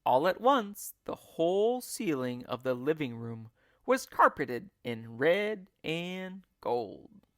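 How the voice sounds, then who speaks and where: A male teacher narrating a children's book in an expressive read-along style. His delivery is unhurried with lively swings of pitch, and the sound is close and dry. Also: no room sound. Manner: expressive, deliberate storytelling. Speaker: teacher reading aloud.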